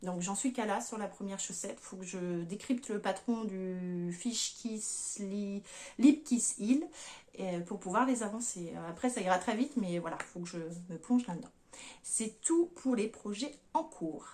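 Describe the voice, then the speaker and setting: A woman's voice: medium pitch, moderate pace, darkish tone. Chatty woman with many fillers. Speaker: knitting podcast host. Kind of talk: casual chat.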